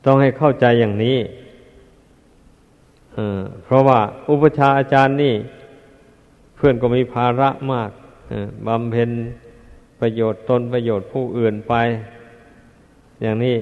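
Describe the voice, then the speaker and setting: An older monk with a Northeastern Thai accent preaches to disciples at an even middle pitch. He speaks slowly and sternly, pausing often. The sound is thin and phone-like, with long reverb from a temple hall. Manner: measured, admonishing, many pauses with filler sounds. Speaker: Buddhist monk teacher. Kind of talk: Dharma sermon to disciples. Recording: tinny, echoey hall recording.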